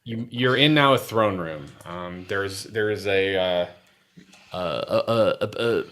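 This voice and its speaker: Halting low-voiced man running a game. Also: a bit bright. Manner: halting, searching for words. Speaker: game master. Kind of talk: improvised tabletop game narration, casual.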